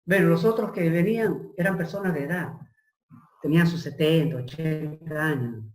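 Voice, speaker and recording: A middle-aged man telling a personal testimony as an interview guest, halting and searching for his words. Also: a little high, a little hiss or hum. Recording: roomy echo.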